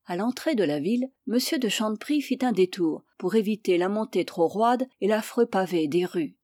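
A woman narrating a classic novel in a measured, expressive reading. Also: medium pitch, no room sound, studio quality. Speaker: audiobook reader. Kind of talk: scripted literary narration.

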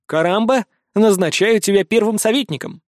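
A man's voice: high-pitched, lively intonation, fairly quick, darkish tone, no echo, studio quality. A man voicing an earnest boy captain. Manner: earnest, kindly. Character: earnest schoolboy gang captain.

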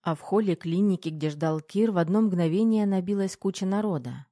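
Mellow audiobook narrator, even steady reading, dry close sound. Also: mid-range voice, brisk, no echo. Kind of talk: scripted narration.

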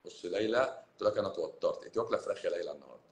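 A man from Cairo with an Egyptian accent, a doctor talking bluntly and emphatically to viewers on a livestream, swinging between loud and hushed. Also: sits low, expressive, very fast, echoey room, rough recording. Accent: Egyptian Arabic, Cairo. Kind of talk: livestream talk answering viewers.

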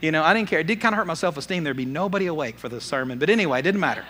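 A middle-aged man preaching a sermon as pastor, telling stories with big swings between loud and soft delivery. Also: on the high side, expressive, rapid-fire.

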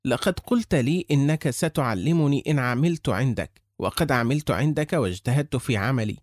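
A man's voice: mid-range voice, a little fast, no room sound, close to an everyday voice. A man voicing an indignant nine-year-old boy who pleads and accuses, close to tears, in an audiobook. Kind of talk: audiobook character reading.

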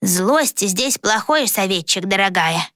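A woman voicing a calm, wise old grandmother who speaks slowly and soothingly. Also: medium pitch, dry recording, clean studio sound. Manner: slow, soothing, unhurried.

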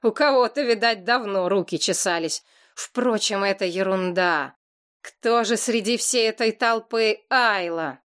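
A woman narrating a fantasy novel in a steady, lively storytelling voice. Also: mid-range voice, measured pace. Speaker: audiobook narrator.

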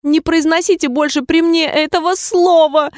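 A woman voicing a small, easily offended female mouse that talks in a shrill, squeaky, huffy way. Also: steady tone, normal speed, no echo, clean studio sound. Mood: outraged. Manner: huffy, outraged.

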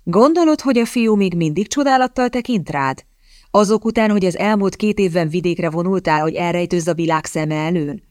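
A man's voice: high-pitched, darkish tone, no echo, studio quality, lightly acted. The narrator voicing a jovial, teasing male army captain who banters with a grin. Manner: mocking, playful, grinning banter.

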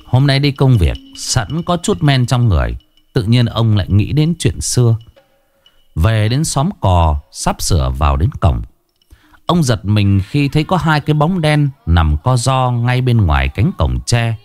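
A man narrating a ghost story in an expressive, dramatic reading. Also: mid-range voice, a little slow, dry recording, faint music behind.

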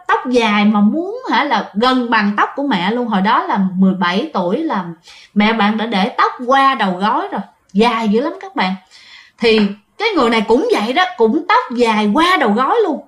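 A woman with a Southern Vietnamese accent tells a ghost story in an easy, chatty way. Her voice sits a little high, and she keeps turning to her listeners and circling back over her own phrases. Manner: chatty, addresses listeners often, repeats phrases. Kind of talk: spoken ghost story telling.

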